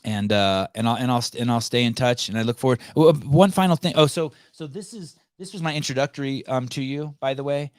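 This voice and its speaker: A man who speaks Armenian as his first language hosts a casual podcast conversation from his California home, rambling, often restarting, and swearing bluntly. His medium-pitched voice moves fairly quickly with hardly any pauses, and the studio-clean audio has no echo.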